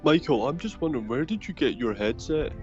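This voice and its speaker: A male caller giving slow, mock-sincere praise. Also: mid-range voice, expressive, highs cut off, soft background music.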